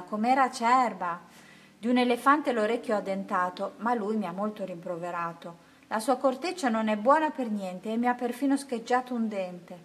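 A woman voicing a hungry, polite little male crocodile in a raised, loud voice. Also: medium pitch, close to an everyday voice.

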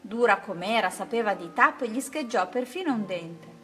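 A woman reads a children's picture book aloud at a mid pitch, gentle and rhythmic, leaning into its rhymes. Soft music runs faintly underneath. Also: lively intonation, moderate pace. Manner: gentle, rhythmic, rhyming delivery. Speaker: storyteller.

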